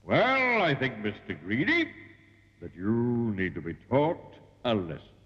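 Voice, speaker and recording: Huge mocking giant, children's cartoon. Booming, wildly swooping bellow, heavy reverb on a dull recording. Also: male voice, sing-song, a bit bright, breathy edge, full character voice. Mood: mocking, menacing. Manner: slow, bellowing delivery. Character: huge thundering giant, mocking and menacing, laughs loudly. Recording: long cavernous reverb, dull lo-fi audio.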